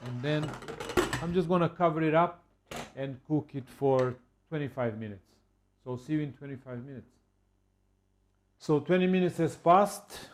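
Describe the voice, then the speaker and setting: Relaxed man talking through a recipe. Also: on the high side, a little hiss or hum. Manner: relaxed, halting, with many fillers. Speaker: home cook. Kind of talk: casual cooking demonstration.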